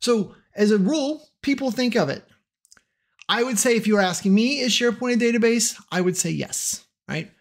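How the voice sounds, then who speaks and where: Chatty high-voiced man explaining tech. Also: normal speed. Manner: chatty, opinionated, self-deprecating asides. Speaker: tech trainer. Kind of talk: casual tutorial talk to camera.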